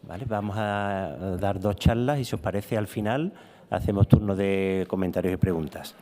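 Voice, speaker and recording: A man with Spanish as his first language chairs a conference session, introducing the speaker in a halting way with "eh" fillers. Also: low voice, noisy background. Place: conference hall. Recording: reverberant conference hall.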